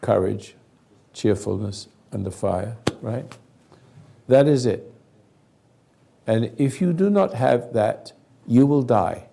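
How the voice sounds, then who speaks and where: An older man hosting a group counselling talk, with a hoarse, raspy voice that sounds like gargling, speaking earnestly in halting, emphatic phrases. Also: medium pitch, lively intonation, dark tone, a little hiss or hum. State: hoarse, throat-clearing. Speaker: host leading a group conversation.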